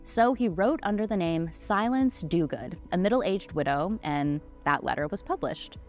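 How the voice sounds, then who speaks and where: A woman in her twenties hosts a history mystery show from a small indoor studio set, reading scripted narration in a conversational, dramatic style with casual asides. Her fairly low, darkish voice has lively intonation and a moderate pace, picked up close by a desk microphone, with music in the background.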